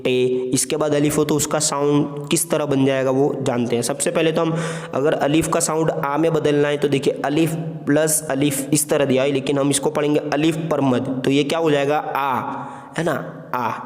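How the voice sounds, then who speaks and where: A man's voice: on the high side, a little mellow. A man teaching an online reading lesson, sounding out letters and words one at a time and checking in with short asides. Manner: slow, spells out letters one by one with "है ना" and "ठीक है" checks. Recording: echoey room with long reverb.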